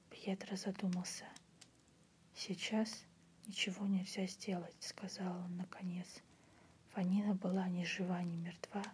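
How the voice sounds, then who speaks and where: Woman doing whispered asmr audiobook, soft n even, mellow, bit of bg noise. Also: mid-range voice. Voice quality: breathy unvoiced whisper. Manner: soft, measured literary reading. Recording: faint background noise.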